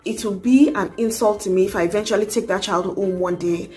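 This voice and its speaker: A young adult woman makes a casual advice vlog, speaking earnestly to camera with faint music behind her. Her mid-range, darkish voice holds a steady tone at a slightly fast pace as she urges and coaxes, adding many asides and saying "you know" often.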